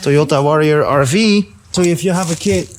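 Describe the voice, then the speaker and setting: A man's voice: on the high side, normal speed. A man speaking in a casual, rambling way as he gives a walkthrough tour inside a small trailer. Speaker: vlogger giving an RV tour. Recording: noisy small trailer interior.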